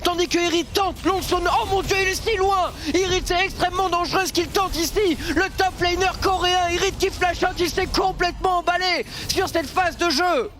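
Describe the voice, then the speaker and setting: A man casting an esports match as excited, animated play-by-play with rapid, building calls. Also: extremely high pitch. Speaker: esports caster.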